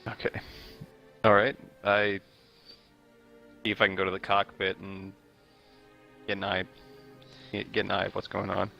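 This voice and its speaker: A man's voice: sits low, monotone, a little slow, vocal fry, long pauses, lo-fi sound, faint music behind. A man playing his character in a tabletop game, talking laid-back in first person. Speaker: player. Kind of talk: tabletop role-play.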